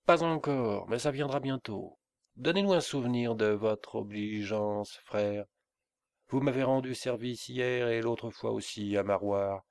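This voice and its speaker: A man playing a loud, sly wandering mollah. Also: medium pitch, unhurried, no echo, close to an everyday voice. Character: boisterous wandering male mollah, bold trickster.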